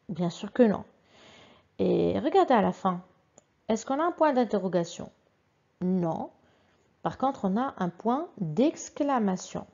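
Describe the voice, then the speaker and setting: Slow, lively-voiced woman teacher. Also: medium pitch, gravelly, muffled recording. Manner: patient, reads example sentences twice with marked question intonation. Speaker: French teacher. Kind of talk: slow, clear grammar lesson.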